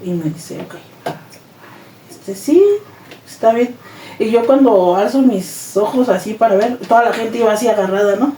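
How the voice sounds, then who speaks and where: A Mexican woman shares her personal testimony as an interview guest, bringing each quoted exchange to life. Her voice is mellow and dark-toned. It sounds roomy and a bit distant, with faint noise underneath. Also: on the high side, normal speed, long pauses. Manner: animated retelling, acts out quoted dialogue.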